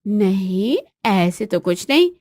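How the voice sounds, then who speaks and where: A woman's voice: medium pitch, sing-song, slow, a little mellow, dry recording, clean studio sound, pitched below the performer's own voice. A woman voicing a weary, henpecked young husband in a storybook tale, grumbling and pleading.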